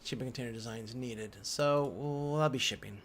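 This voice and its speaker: Indoors at a computer, a man with a medium-pitched, somewhat bright voice talks at a moderate pace as he gives a casual, unscripted screen-recorded software tutorial. He thinks aloud and murmurs to himself while keyboard typing and mouse clicks sit in the background noise.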